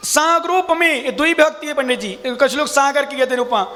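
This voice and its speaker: A man, a monk, teaching a scripture class, explaining step by step, quizzing his listeners and chanting verses slowly. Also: very high-pitched, sharp tone, long reverb tail.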